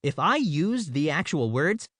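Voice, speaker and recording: A man's voice: a little high, sing-song, a little slow, fairly bright tone, dry recording. A man narrating a children's audiobook in the first person, with playful, comic storytelling.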